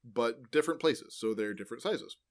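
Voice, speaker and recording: Talking a little fast in a mid-range voice, a male podcast co-host gives a casual educational rundown of paleontology. He rambles and self-corrects, leaning on plenty of ums, uhs, and likes.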